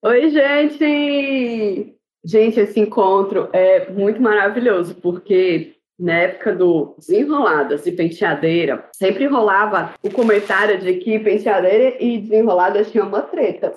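A woman's voice: medium pitch, a little slow. A woman with a Brazilian Portuguese accent chatting casually as a podcast co-host, in a roomy, lo-fi recording. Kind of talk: casual chat. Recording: roomy, dull lo-fi sound.

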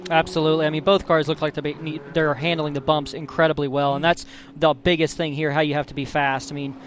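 A man gives motorsport analysis as a driver-turned-pundit. His voice is a little high and stays even in tone, with clear engine and track noise behind it. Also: fast. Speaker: racing driver and expert analyst.

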